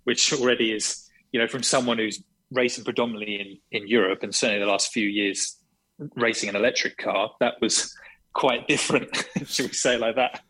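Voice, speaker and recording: A man's voice: mid-range voice, steady tone, fairly quick, sharp tone, breathy edge, low-quality recording. A man, a racing driver, talking enthusiastically in a remote interview, smiling as he speaks. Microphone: remote call, audio only.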